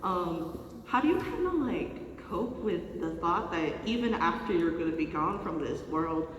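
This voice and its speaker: A man's voice: on the high side, lively intonation, a little slow, a crowd in the background. A young man in the audience asking a question, hesitant and full of fillers. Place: large convention hall. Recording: echoey hall from far off.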